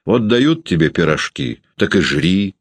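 A man's voice: low-pitched, sing-song, measured pace, slightly rough, no room sound, heavily acted. A man voicing a nervous, scheming middle-aged woman who pleads and bickers in a flustered way. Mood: pleading.

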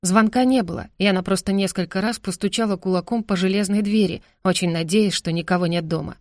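A woman's voice: mid-range voice, fairly even intonation, fairly quick, no room sound. Woman narrating a novel, dry sound. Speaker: audiobook narrator.

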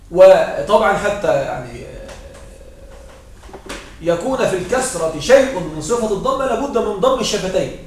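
High-voiced male teacher in an echoey room. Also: slight background noise. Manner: explains patiently, repeats points, checks understanding by asking a student. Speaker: Arabic morphology teacher. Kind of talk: classroom lesson. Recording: very echoey room, voice heard from far off.

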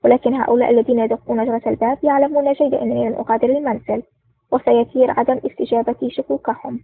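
A woman's voice: fairly high pitch, steady tone, very fast, creaky, slightly rough. A woman voicing a sly, wheedling male villain in an audiobook, read without much change from her narrating voice, on a tinny line. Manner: wheedling, then angry shouting. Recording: dry, tinny phone-like sound.

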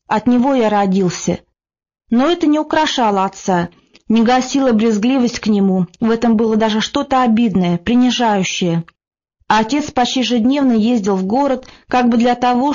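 A woman narrates classic prose in an even, measured way, her voice sitting fairly high. The recording is dull and lo-fi, with the top end missing. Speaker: audiobook narrator. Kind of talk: scripted narration.

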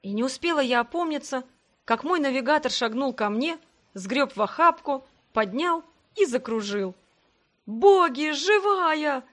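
A woman narrating a fantasy audiobook in the first person, in an even storytelling manner. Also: sits high, normal speed.

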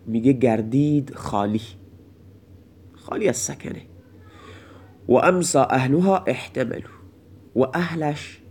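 A man giving a recorded grammar lesson, reading example lines slowly and then explaining them word by word. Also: medium pitch, a little mellow. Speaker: Arabic grammar teacher.

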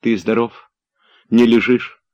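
Male reader as young noblewoman, fast and insistent. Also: medium pitch, flat delivery, darkish tone, highs cut off, a little hiss or hum, voice pushed up, lightly acted. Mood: probing. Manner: quick, probing.

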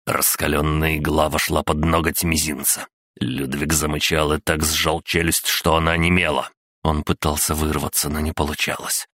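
A male narrator with a very deep, low voice reads a dark audiobook passage in a grim, measured way. The sound is close and completely dry. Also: level tone, dry recording.

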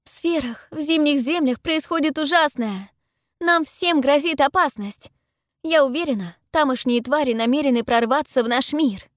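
A woman voicing a defiant young Victorian lady heroine in an audiobook, speaking in a loud, urgent, raised voice. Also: high voice, moderate pace, no echo, clean studio sound, pitched above the performer's own voice, natural voice. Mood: urgent pleading. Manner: pleading then forceful, loud and urgent. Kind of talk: audiobook character voice.

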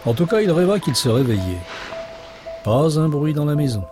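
A man narrating a children's bedtime story in a gentle, measured way. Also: on the high side, big pitch swings. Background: music.

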